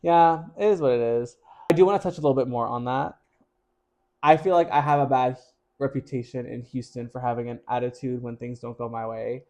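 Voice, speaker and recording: A man co-hosting a casual podcast, speaking at an average pitch for a man. He tells the story frankly, with a wry, self-mocking edge. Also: vocal fry, a little mellow. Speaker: podcast co-host. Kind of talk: casual chat recounting a drag competition.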